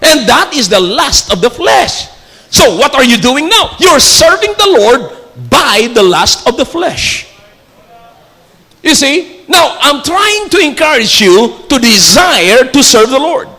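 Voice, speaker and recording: A Filipino man preaching a sermon in a church, mixing English and Tagalog, joking and shouting key lines for emphasis. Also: extremely high pitch, sing-song, slow pace, big-room sound. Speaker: pastor.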